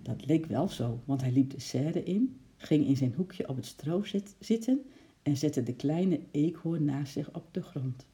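A woman reading a children's story aloud in a lively, expressive way, posing suspenseful questions to the listener. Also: deep voice, a little slow.

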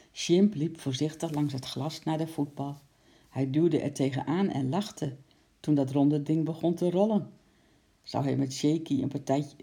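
Storyteller reading a kids' book, lively, mellow dark tone, a bit breathy. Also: mid-range voice. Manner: lively, expressive with sound effects. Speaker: narrator.

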